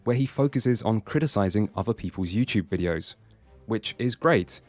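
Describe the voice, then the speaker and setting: A man's voice: lowish voice, expressive, moderate pace, a little mellow, soft background music. A man reading scripted video essay narration in a dry, sardonic way.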